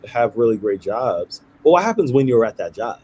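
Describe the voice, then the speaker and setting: A man's voice: mid-range voice, very animated, normal speed, mellow, slight background noise, poor audio. A man in his thirties, originally from Haiti and raised in Brooklyn, explaining himself earnestly as an interview guest and often checking in with "right?". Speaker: guest, nonprofit founder. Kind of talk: conversational interview.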